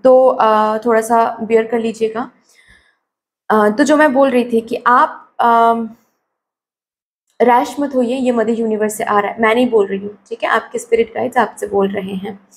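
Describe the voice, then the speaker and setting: A woman with a slightly hoarse, sore throat giving a tarot reading to her viewers, advising them and often checking "okay?" while mixing in English phrases. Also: a little high, fairly even intonation, a little slow. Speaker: tarot card reader.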